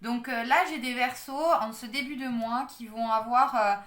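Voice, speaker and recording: A woman's voice: on the high side, fairly even intonation, moderate pace, fairly bright tone, echoey room. A woman giving a casual tarot and astrology reading, talking with many hesitations, fillers and restarts. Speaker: tarot card reader.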